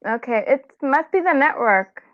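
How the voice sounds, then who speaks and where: High woman's voice over tinny call. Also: expressive, normal speed, no echo. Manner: raised voice over a bad connection. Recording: tinny phone-like call from far off.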